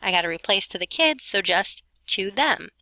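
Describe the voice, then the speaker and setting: A woman's voice: mid-range voice, animated, moderate pace, sharp tone, dry recording. A woman teaching a grammar lesson step by step in an informal way, breathing heavily and short of breath as she talks. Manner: breathing heavily while talking; informal, talks students through each step, self-correcting. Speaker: Spanish teacher recording an explanation for students.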